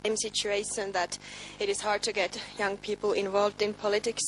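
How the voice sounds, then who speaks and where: A woman's voice: medium pitch, flat delivery, normal speed, soft background music, rough recording. A woman in her twenties from Finland, with a Finnish accent, speaking thoughtfully as a youth party board member. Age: 20s.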